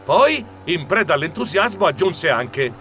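A man narrates a children's story with theatrical flair. His voice is bright and lively, swinging widely in pitch, and sits a little high for a man. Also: unhurried, slight background noise. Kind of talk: expressive audiobook narration.

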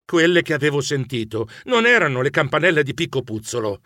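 A man narrating a children's story in a theatrical, comic way. His voice sits fairly high and leaps all over the place, full of exclamations. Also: very animated, a little fast, sharp tone, no room sound, studio quality. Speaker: audiobook narrator. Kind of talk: scripted first-person narration.

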